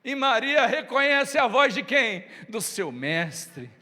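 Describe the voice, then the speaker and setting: A male preacher with a very high, bright voice retells the story with emphatic, storytelling energy. He speaks straight to the congregation, and a long reverb rings through the church hall. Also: sing-song, slow. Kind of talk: sermon. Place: church sanctuary.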